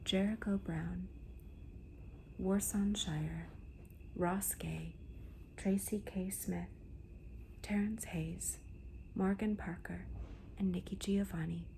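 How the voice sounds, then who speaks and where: A woman talks about books in a hushed, whispery ASMR style. Her delivery is very unhurried and deliberate, with gentle pauses and a crackly fry in the voice. Clear background noise sits behind her words. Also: medium pitch, fairly even intonation. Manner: slow, deliberate, gentle pauses between phrases. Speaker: host of a book haul video. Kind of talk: soft-spoken ASMR book talk.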